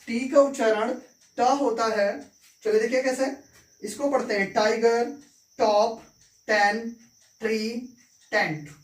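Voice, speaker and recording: A woman teaching English phonics in a slow, repetitive way, checking understanding as she goes. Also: on the high side. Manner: slow, repeats words and meanings, checks with "ठीक है". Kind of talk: phonics lesson in Hindi. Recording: echoey room, voice from far.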